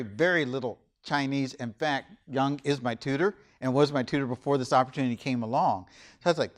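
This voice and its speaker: A man giving a folksy, conversational workshop talk in a lecture room, acting out what people said. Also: mid-range voice. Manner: folksy, animated, acts out quoted remarks. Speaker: workshop presenter.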